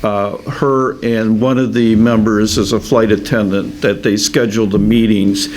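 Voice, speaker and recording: A man speaking as a city official, explaining things at a meeting in a halting way with repeated words. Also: lowish voice, fairly even intonation, a little mellow. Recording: faint room noise at public meeting.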